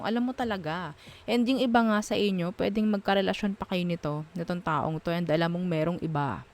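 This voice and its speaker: Slow, low-voiced woman tarot reader. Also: slight background noise. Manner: frank, musing, thinks aloud between card readings. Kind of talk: casual tarot reading.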